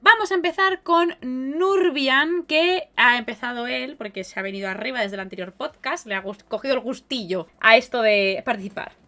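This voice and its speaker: A woman with a Spain Spanish accent talks through a live podcast in a slightly high voice. She is chatty and expressive, with lively exclamations as she reads out viewer comments. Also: normal speed, hardly any pauses. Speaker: podcast host and streamer.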